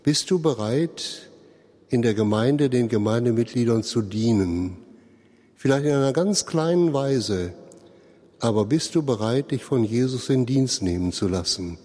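A man's voice: mid-range voice, animated, mellow, long reverb tail. A man preaching a sermon, explaining earnestly and speaking straight to his listeners. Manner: slow, earnest explaining, addresses listeners directly. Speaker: pastor.

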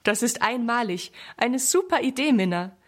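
A woman's voice: on the high side, animated, moderate pace. Woman reading as a praising dad, encouraging, storybook. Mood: approving. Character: warm, praising father.

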